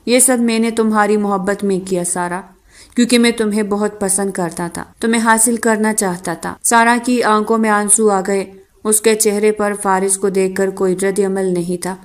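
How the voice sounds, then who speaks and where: A woman narrating a romance novel audiobook at a medium pitch. She reads in a steady, measured way, keeping an even flow through the story.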